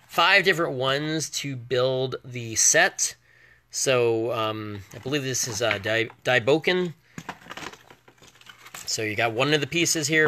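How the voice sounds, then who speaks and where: A man with a very bright, forward voice works as a home shopping host. He shows items one by one in a loose, hesitant, off-the-cuff ramble. There is faint noise behind him, with small clicks. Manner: rambling, hesitant item-by-item pitch with prices. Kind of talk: home shopping host presentation, casual and unscripted.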